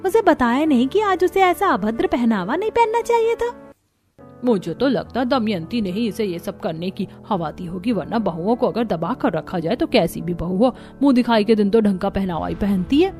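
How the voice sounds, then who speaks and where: A woman's voice: mid-range voice, lively intonation, normal speed, darkish tone, faint music behind, lightly acted. A woman voicing a nosy, traditional middle-aged female guest who scolds sharply in a cartoon story. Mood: scornful.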